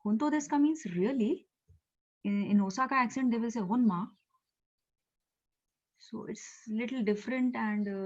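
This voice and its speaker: A woman with an Indian English accent teaches Japanese in an online class, working through the material step by step with lots of fillers and repeated words. Her voice sits at medium pitch and is a little mellow. The sound is lo-fi video call audio.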